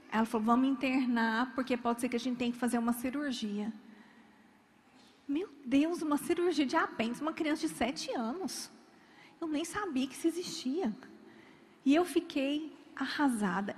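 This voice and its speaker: A woman's voice: high voice, in a large hall. A woman preaching a sermon, telling stories dramatically and acting out the people in them.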